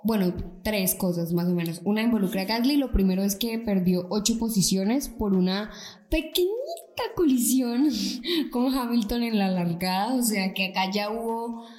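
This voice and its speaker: A woman's voice: medium pitch, animated, normal speed, a little mellow, reverberant, faint music behind. A woman co-hosting a podcast, chatting casually and laughing often as she thinks aloud. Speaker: podcast co-host. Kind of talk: casual chat.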